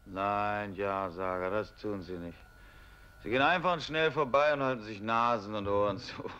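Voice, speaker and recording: A man giving a dramatic reading of a stage play, speaking as a bitter, despairing soldier, often hushed and at times rising to anguished cries. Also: fairly low pitch, normal speed, muffled recording, slight background noise. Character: Beckmann, despairing war-returned man.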